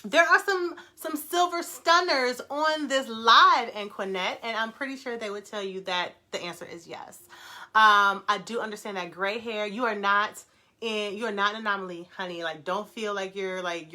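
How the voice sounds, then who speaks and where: A middle-aged woman, hosting a casual live stream, talking fast and excitedly while answering viewer comments. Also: medium pitch.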